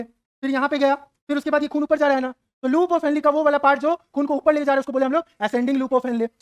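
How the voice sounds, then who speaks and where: In a dry recording, a man with a very high-pitched voice gives an exam-prep biology lecture at a whiteboard. He fires off rhetorical questions, keeps checking "got it?", and playfully voices his students' imagined answers.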